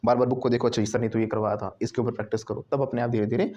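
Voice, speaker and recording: A man teaching English to a classroom of students, drilling words loudly and laughing often. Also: mid-range voice, level tone, racing, muffled recording.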